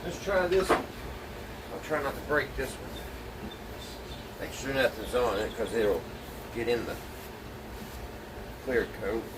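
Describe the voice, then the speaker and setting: A DIY vlogger narrates his hands-on work in a plainspoken, folksy way, thinking aloud for viewers. His mid-range voice is a little slow with long pauses, picked up by a phone camera placed away from him, so the sound is distant and noisy with a steady hum.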